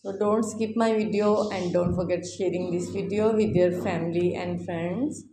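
Mellow woman in an echoey room. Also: lowish voice, steady tone, moderate pace. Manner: effusive, repetitive. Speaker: YouTube host. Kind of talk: casual scripted-style video voice-over with repeated phrases. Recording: roomy echo, faint background noise.

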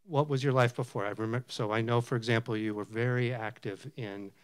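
A middle-aged man of ordinary pitch hosts an onstage interview in a lecture room. He asks his questions haltingly through a handheld microphone, searching for words and repeating himself. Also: steady tone, smooth. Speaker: event host and interviewer. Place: lecture room with a seated audience.

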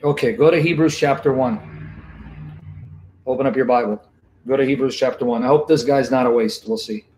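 A man's voice: mid-range voice, a little fast, pauses often, a little mellow, slight background noise, low-quality recording. Impatient domineering male debate host. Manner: domineering, impatient, repeats questions. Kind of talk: heated call-in debate.

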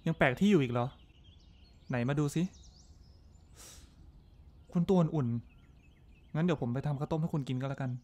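A man's voice: fairly high pitch, normal speed, long pauses, darkish tone, natural voice. A man playing a caring but dismissive, practical husband in a radio drama.

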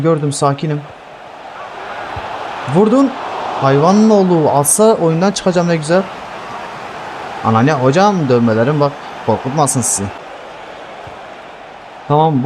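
A man commentating his own football video game match, excitable and swearing at teammates. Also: fairly high pitch, slight background noise. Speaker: gaming YouTuber playing football career mode. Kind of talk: live gameplay commentary.

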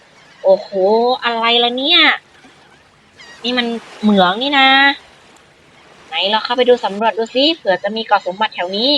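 A man hosting a gaming channel, giving playful, excitable commentary, role-playing dialogue and voicing his own jump sounds as he plays. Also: high voice, normal speed, pauses often, a little hiss or hum, low-quality recording.

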